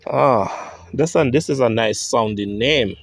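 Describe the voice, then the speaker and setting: A Jamaican man strolls through an outdoor churchyard, reading old gravestones aloud in an unhurried, mid-pitched voice. His talk is slow and musing, and the sound is dry and close. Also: no room sound. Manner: reads grave inscriptions aloud, thinking out loud. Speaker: vlogger. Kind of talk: walking tour vlog.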